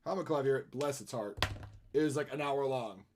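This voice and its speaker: A man's voice: medium pitch, moderate pace, background noise. A man chatting casually on a live stream as he draws, self-deprecating and given to humming melodies. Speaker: streamer and artist. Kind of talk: casual live-stream chat while drawing.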